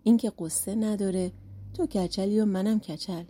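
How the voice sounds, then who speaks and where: A woman voicing a sly, glib bald young man who tricks people, read in a storybook with a dark, husky voice. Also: medium pitch, fairly even intonation, lightly acted. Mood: scheming. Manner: cheeky, glib, scheming. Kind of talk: storybook narration.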